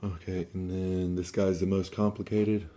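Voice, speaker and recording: A man who sounds under the weather, giving a casual, halting, offhand hands-on toy review and talking through each step. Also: low voice, flat delivery, noisy background. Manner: offhand, halting, mildly sweary.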